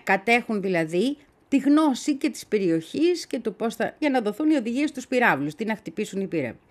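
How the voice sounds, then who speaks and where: Woman giving radio commentary. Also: a little high. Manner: explanatory, addresses her co-host directly.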